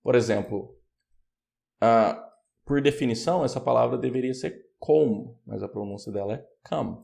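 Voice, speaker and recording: A man with a Brazilian Portuguese accent teaching English pronunciation, patiently explaining and repeating words slowly. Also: medium pitch, creaky, darkish tone. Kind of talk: online pronunciation lesson.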